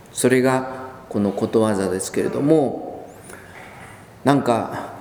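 A man preaching a sermon as pastor, telling the story with lively emphasis, drawing out key words and acting out quoted lines. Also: medium pitch. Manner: animated storytelling, acts out quoted speech. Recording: echoey hall with long reverb.

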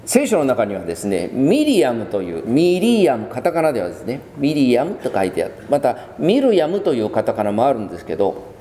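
A man serving as pastor, giving a measured sermon with many pauses and fillers in a church. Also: medium pitch, huge pitch swings, warm tone. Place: church sanctuary. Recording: long church reverb.

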